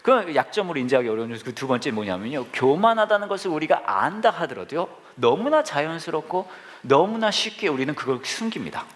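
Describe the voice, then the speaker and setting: Male pastor, playful storyteller in the pulpit, fast, animated delivery. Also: on the high side. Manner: humorous storytelling with asides to the congregation. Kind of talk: sermon.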